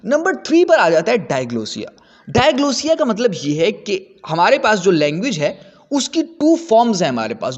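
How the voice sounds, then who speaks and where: Man teaching, high voice, long echo, kinda muffled. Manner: lively, repeats points for students. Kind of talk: explanatory lecture.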